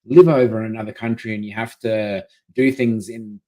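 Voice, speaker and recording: A lower-voiced man talking loosely as a guest on a podcast, working his points out aloud with false starts. His remote microphone keeps dropping out, so his volume rises and falls unevenly. It sounds like casual chat over a call. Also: steady tone, moderate pace, warm tone. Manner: rambling, thinking aloud with restarts. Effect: mic cutting out, uneven volume.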